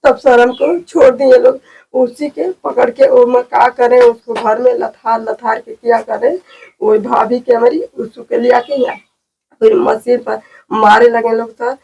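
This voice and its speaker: Crying woman pleading with a rough voice. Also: on the high side, level tone, a little mellow, distant mic, muffled recording. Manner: pleading, rapid tearful telling. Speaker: interviewee, victim's relative. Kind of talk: distressed field interview.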